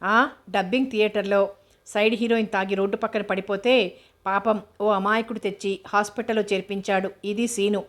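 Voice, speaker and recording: A woman's voice: medium pitch, fairly even intonation, fairly quick, natural voice. A woman reading aloud as a brusque young man who speaks tersely and seriously. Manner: irritated, terse.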